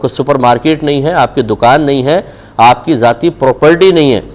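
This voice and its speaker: Firm Pakistani-accented mufti admonishing. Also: male voice, medium pitch. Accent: Pakistani Urdu. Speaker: mufti answering viewers' religious questions. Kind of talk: live religious Q&A on TV.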